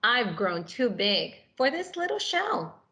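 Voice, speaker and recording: A woman's voice: a little high, takes it slowly, heavily acted. A woman voicing a polite, timid storybook hermit crab who admires others and speaks expressively. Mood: worried. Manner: expressive, courteous, storybook exclaiming.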